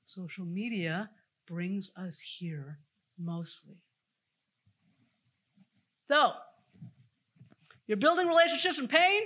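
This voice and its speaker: Bright-voiced energetic woman giving a keynote. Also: high voice. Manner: lively, animated, speaks straight to the audience. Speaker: conference speaker. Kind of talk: energetic keynote talk with stories. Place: conference stage before an audience.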